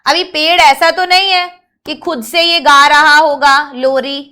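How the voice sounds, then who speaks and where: A woman teacher giving an online English grammar lesson, mixing Hindi explanation with English terms and drilling word forms slowly one by one. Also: sits high, fairly even intonation, pushed and bright.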